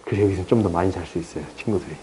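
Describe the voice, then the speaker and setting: A young man tutoring high school math in a chatty, teasing way, often checking that students follow. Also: steady tone, rapid-fire, warm tone, a little hiss or hum, poor audio. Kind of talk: casual online math lesson.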